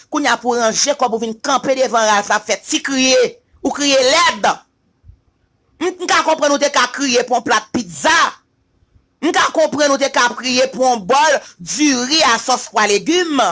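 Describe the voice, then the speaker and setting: A Haitian-accented man holds forth in an emphatic, repetitive online rant. His voice sits very high and sounds bright and sharp. Now and then he chants his points in a sing-song way. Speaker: social media commentator. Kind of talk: opinion rant to camera.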